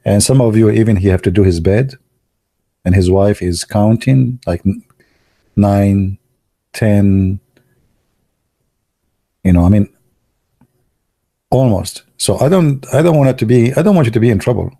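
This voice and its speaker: A man's voice: on the low side, a little slow, vocal fry, long pauses, mellow, no room sound, clean studio sound. A man joking and teasing his viewers in casual commentary, with non-native English phrasing. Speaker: video commentator.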